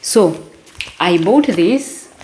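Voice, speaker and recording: A young woman from Uganda chats straight to camera in a casual vlog, her voice sitting a little low. She talks in a loose, friendly way, repeating words and restarting phrases as she holds things up to show the viewer. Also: expressive, very slow, dark tone. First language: not French; English-speaking. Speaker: vlogger.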